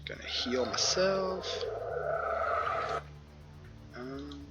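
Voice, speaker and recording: A man giving chatty let's play commentary, joking and filling pauses with ums and ohs. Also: a little high, muffled recording, over loud music. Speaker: gamer.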